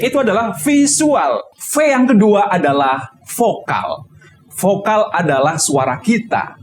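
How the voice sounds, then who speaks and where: A man giving an instructional talk on public speaking, explaining step by step and acting out high and low tones. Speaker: teacher.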